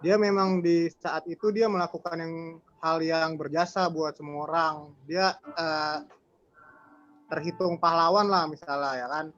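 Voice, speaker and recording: Man asking a question, a bit hesitant, fairly high voice, muffled lo-fi audio. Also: fairly even intonation, unhurried, fairly bright tone. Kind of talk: casual question. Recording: dull lo-fi sound with faint music.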